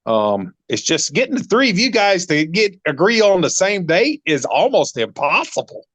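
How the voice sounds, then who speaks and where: A man hosting a podcast in a chatty, casual way, with lots of ums and repeated words, his voice jumping up when he gets excited. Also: sits high, normal speed, no room sound. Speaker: podcast host. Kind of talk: casual interview chat.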